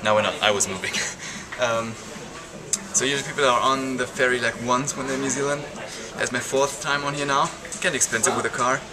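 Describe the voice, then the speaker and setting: A man's voice: medium pitch, steady tone, fairly quick, crowd noise. A young man chatting casually and informally in a rambling travel vlog. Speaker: travel vlogger. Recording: loud ambient travel noise.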